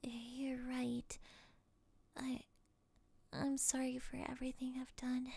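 A woman's voice: high voice, expressive, no room sound, exaggerated voice. A woman voicing a mocking, obsessive female hypnotist who keeps a captive under her control, in an audio roleplay. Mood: remorseful. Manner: teasing, slow and breathy, often laughing.

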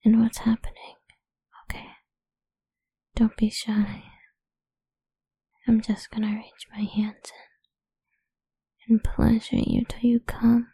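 A young woman whispering softly and teasingly in an intimate audio roleplay, humming between lines, close to the mic. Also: on the high side, flat delivery, takes it slowly, creaky, long pauses, slightly rough, no echo. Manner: soft teasing whisper, murmured hums.

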